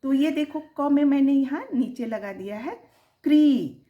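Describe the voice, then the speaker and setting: A woman teaching young children, sounding out syllables slowly and lifting her voice on each example word. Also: high-pitched, dull audio. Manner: slow, drawn-out, sounding out syllables; sing-song, rising on the example words. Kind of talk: children's Hindi lesson.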